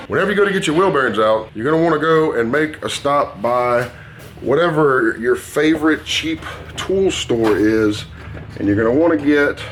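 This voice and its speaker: A man's voice: mid-range voice, a bit bright. A talkative man with a Southern US hillbilly drawl gives a casual, folksy, rambling hands-on tutorial in a workshop. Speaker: motorcycle painter and builder presenting a how-to. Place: dingy workshop. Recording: noisy workshop ambience.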